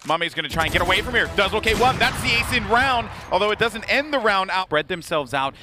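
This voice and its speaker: A man's voice: high voice, lively intonation, fast talker, music in the background. A man delivering play-by-play commentary as an esports caster.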